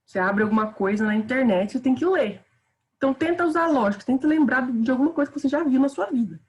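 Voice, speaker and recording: A woman's voice: sits high, animated, fast, highs cut off. A woman teacher with a Brazilian Portuguese accent, giving a casual, chatty grammar lesson and calling her students "gente".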